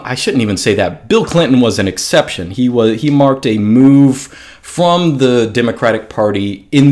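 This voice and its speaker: A man with a fairly low voice talks through a topic on his own. He thinks aloud as he goes, with lots of "uh"s, restarts and self-corrections. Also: a little mellow. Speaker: podcast host. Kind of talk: casual solo lecture.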